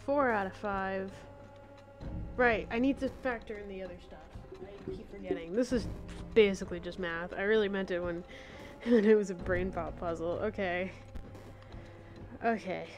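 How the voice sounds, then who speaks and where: Woman streamer, casual gameplay chat, slow and lively, self-talk and laughs, game music underneath. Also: medium pitch. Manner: thinks aloud, laughs often, talks to herself.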